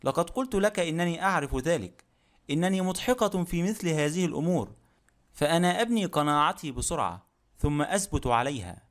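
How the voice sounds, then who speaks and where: A man's voice: fairly high pitch, animated, fairly quick, natural voice. A man reading an audiobook, voicing a stubborn, self-assured elderly widowed woman who speaks firmly. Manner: firm, self-assured speech.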